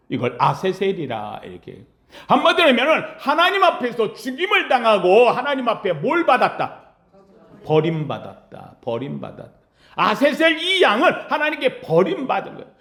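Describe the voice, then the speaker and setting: Male pastor, sermon. High voice, wildly animated delivery, call-and-response questions, loud-to-hushed swings, reverberant sanctuary. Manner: asks the congregation questions and answers them himself; swings between loud cries and hushed low lines. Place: church sanctuary. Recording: echoey church sanctuary.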